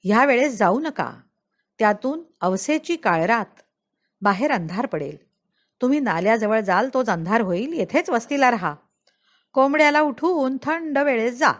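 A woman's voice: a little high, lively intonation, normal speed, natural voice. A woman voicing a worried old village woman in a storybook reading, warning insistently and anxiously.

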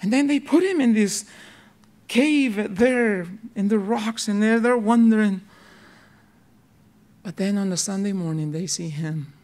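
A male pastor preaching a sermon, telling the story dramatically and swinging between loud bursts and hushed, slow passages. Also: high voice. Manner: repeats words when excited.

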